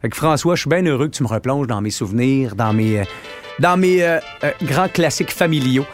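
A man's voice: medium pitch, lively intonation, fairly quick, soft background music. A man with a Quebec French accent hosting a morning radio show, teasing a caller in casual banter. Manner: joking, teasing, chatty.

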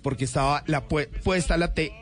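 A man hosts a relaxed chat, eagerly rattling off trivia in a fairly high voice. He rambles and restarts as he tells each story. Soft music plays faintly behind him. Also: normal speed. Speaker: host.

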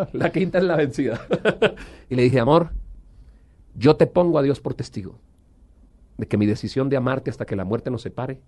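A man's voice: medium pitch, lively intonation, normal speed, pauses often, darkish tone. A middle-aged man giving an earnest personal testimony as an interview guest, sometimes slipping into a preacher's manner.

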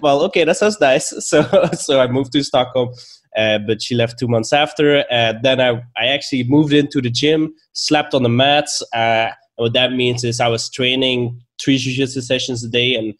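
Friendly and quick to laugh, a young man from Belgium tells his story as a guest on a podcast, casual interview storytelling in his Belgian accent. His voice is medium-pitched with fairly even intonation at a moderate pace.

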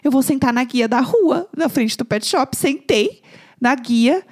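A young woman chats casually on a podcast, recounting her own mishap in an animated way. Her voice sits high, and she breaks into laughter at her own misfortune as she tells it. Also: unhurried. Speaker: podcast co-host. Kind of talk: casual storytelling chat.

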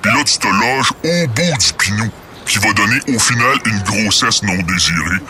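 A man's voice: lowish voice, expressive, moderate pace, music in the background. A man doing a voice-changed cheeky Québécois droplet. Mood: smug. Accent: Québécois French. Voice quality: boastful, crude, chatty. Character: cheeky crude ex-professional droplet, male. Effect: voice changer, disguised voice. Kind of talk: comedy radio sketch interview.

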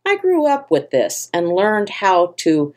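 A woman's voice: medium pitch, wildly swooping pitch, slow pace. An older woman hosting a pagan podcast, reading her own essay in an earnest, impassioned way. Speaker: podcast host.

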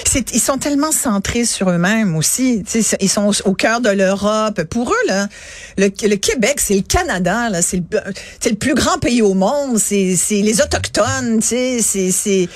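Québécois woman radio host, lively and exclamatory, mid pitch, dry close studio sound. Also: no echo. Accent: Québécois French. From Quebec. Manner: animated, exclamatory, quick asides. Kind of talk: casual radio chat.

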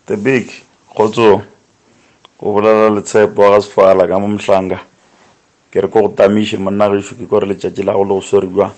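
A man with a South African Sotho accent giving casual football opinions as a radio caller, deliberate and pausing between phrases. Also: fairly low pitch, level tone, darkish tone. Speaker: radio sports show caller.

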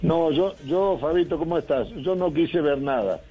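A man's voice: a little high, moderate pace, slightly rough, lo-fi sound, soft background music. A man from Uruguay, a football coach talking in a radio interview, thoughtful and rambling with many fillers and restarts.

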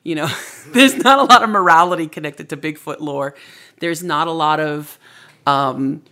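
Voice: mid-range voice, normal speed, bright, forceful tone. A storyteller being interviewed, explaining folklore in a casual, reflective, conversational way. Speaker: storyteller and author interviewed as a guest.

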